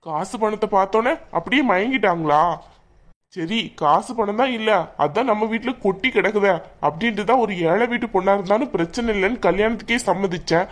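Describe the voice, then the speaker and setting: An angry young married man from a cartoon, voiced by a woman. His voice sits in an ordinary middle register. He talks in a demanding, accusing way and is quick to shout. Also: medium pitch, close to an everyday voice. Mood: furious. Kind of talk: cartoon voice acting.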